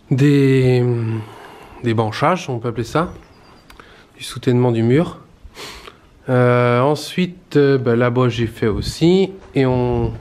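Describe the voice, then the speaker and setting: In his thirties, this man has a medium-pitched, somewhat dark voice. He's a renovation vlogger giving a casual walkthrough of his work in a stone-walled basement, talking as he goes with lots of fillers and restarts. The handheld camera sits close to his face indoors.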